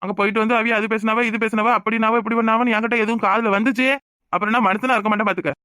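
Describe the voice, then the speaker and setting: A woman voicing a sharp-tongued village mother-in-law in a cartoon, bossy and cutting, with a southern Tamil Nadu village accent. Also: on the high side, steady tone, rapid-fire, dry recording, studio quality.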